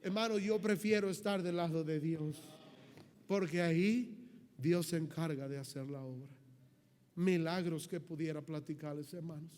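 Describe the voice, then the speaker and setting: A man's voice: a little high, moderate pace, a little mellow, big-room sound. A man preaching a sermon as a missionary pastor, telling stories and calling the congregation brothers. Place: church.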